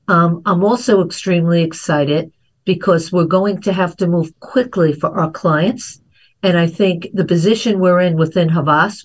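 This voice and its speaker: Female exec guest, lower voice, upbeat and direct. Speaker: agency CEO, panel guest. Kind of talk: podcast panel discussion.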